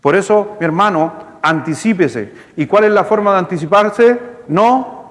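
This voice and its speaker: A male pastor with a Chilean accent, preaching a sermon in a lively, storytelling way, speaking to the congregation. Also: sits high, normal speed. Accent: Chilean Spanish. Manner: storytelling, animated, conversational with congregation. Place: church hall. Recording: long hall reverb in church.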